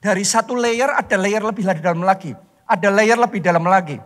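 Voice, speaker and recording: A male pastor from Indonesia preaching a sermon, stressing points loudly and then dropping to soft, drawn-out words. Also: high-pitched. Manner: emphatic, swings between loud stress and soft drawn-out words. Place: church hall. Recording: long hall reverb.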